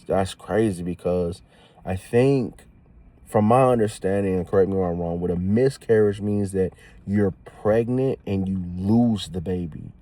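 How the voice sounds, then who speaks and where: A young man telling a story in a casual vlog, slangy and animated, swinging from giddy excitement to hushed, somber talk. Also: low voice. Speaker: new dad telling a story.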